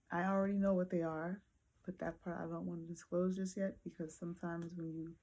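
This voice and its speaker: A woman talking casually to her viewers late at night before bed, thinking aloud with many pauses and fillers. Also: on the low side, creaky, dark tone. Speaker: vlogger.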